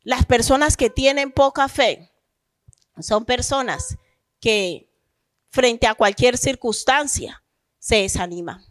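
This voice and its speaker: High-voiced woman pastor preaching. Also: slow, long pauses. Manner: lively preaching, asks the congregation questions and acts out believers' complaints. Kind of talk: sermon.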